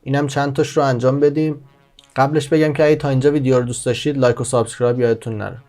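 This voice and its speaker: Brief: male host for a tutorial voice-over, mid-pitched, slows down to explain words, soft music under it. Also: fairly even intonation. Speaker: language-learning channel host. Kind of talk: screen-recorded tutorial voice-over.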